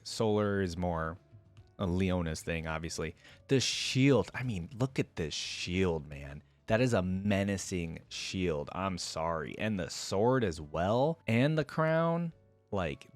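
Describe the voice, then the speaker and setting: A man with a fairly low voice hosts a reaction video, thinking aloud as he gives casual, off-the-cuff commentary on game skins. The recording is dry.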